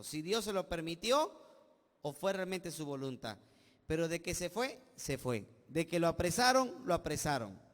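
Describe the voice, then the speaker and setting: Peruvian pastor, high male voice, emphatic sermon delivery, long hall reverb. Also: fairly bright tone. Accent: Peruvian Spanish. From Peru. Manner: preaching with call-and-response asides, swelling and dropping volume.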